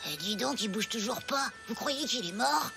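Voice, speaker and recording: A woman voicing an earnest, fussing cartoon schoolkid over loud music. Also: on the high side, animated, normal speed. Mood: worried. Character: eager cartoon schoolkid friend, earnest and worried. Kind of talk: cartoon voice acting. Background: loud background music.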